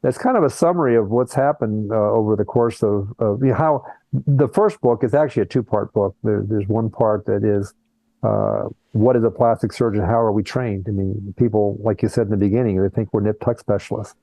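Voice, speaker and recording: Creaky and warm, this older man's lowish voice moves a little fast, with no room sound and poor audio quality. A plastic surgeon born in Colombia who grew up in Brazil and the US, he talks earnestly over a video call in a conversational interview, often starting his words over.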